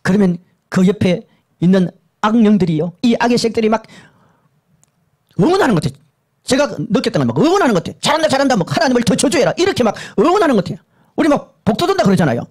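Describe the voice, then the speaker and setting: A male pastor preaching a sermon that recounts a vision, emphatic and repetitive, dropping to hushed lows and rising to urgent highs. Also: very animated, quick pace. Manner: emphatic and repetitive, swinging between low hushed and high urgent tones.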